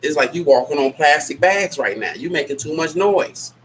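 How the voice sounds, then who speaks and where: A livestream host, a man with a somewhat high, lively voice, talks at normal speed with a slightly bright tone. He's sick with a stuffy nose and scratchy throat, so he sounds nasal while running a casual live Q&A. He rambles, stays candid and blunt, and reads out names from the chat.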